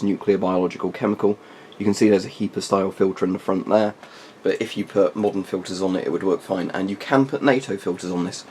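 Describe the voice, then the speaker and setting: A man's voice: lowish voice, darkish tone. A man reviewing military surplus gear in a casual, unscripted way, explaining informally with rambling asides. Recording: faint background noise.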